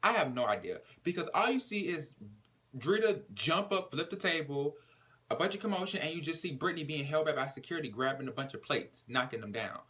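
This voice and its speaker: A man's voice: a little high, lively intonation, fairly quick, bright, forceful tone. A man casually recapping a reality TV episode, using slang and profanity and retelling scenes with dramatic flair. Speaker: TV recap reviewer.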